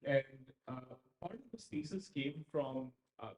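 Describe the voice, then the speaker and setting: A man's voice: medium pitch, a little slow, a little mellow. Hesitant man speaking in a roomy hall. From Dubai. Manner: hesitant, many uh fillers. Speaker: conference speaker. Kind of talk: presentation talk. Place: event venue.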